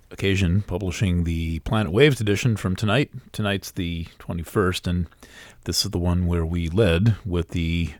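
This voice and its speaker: A man's voice: lowish voice, a little mellow, no echo, studio quality. A man giving a casual, rambling astrology reading, full of fillers and restarts, hiccuping now and then.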